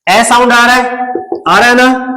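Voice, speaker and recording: A man with an Indian English accent, a Hindi speaker, teaching English grammar and repeating words slowly and emphatically for his students. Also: very high voice, fairly even intonation, pushed and bright, echoey room, low-quality recording. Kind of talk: classroom-style grammar lesson.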